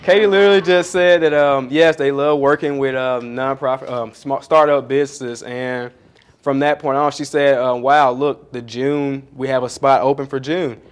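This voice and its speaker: A man's voice: mid-range voice, steady tone, normal speed, smooth. A man, a pastry chef and founder, answering audience questions at a coworking space event in a chatty, rambling, self-deprecating way full of fillers. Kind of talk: casual onstage Q&A answers.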